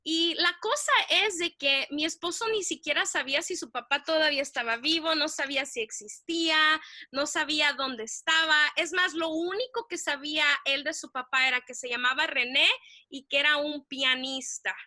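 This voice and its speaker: Podcast co-host, woman, lively storyteller, sparkly voice, mixes in English. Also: high voice, normal speed, no echo, studio quality. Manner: animated, laughs often, mixes in English phrases.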